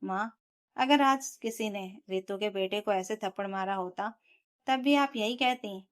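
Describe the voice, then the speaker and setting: Steady, protective young dad who speaks quietly but will not back down, read by a woman narrator. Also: mid-range voice, close to an everyday voice. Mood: firm. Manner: quiet, measured questions. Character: protective young father, calm but firm.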